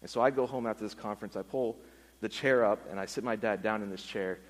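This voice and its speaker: A man telling an earnest personal testimony in a sermon, going low and quiet at the emotional moments. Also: quick pace, in a large hall, low-quality recording. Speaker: speaker giving a testimony.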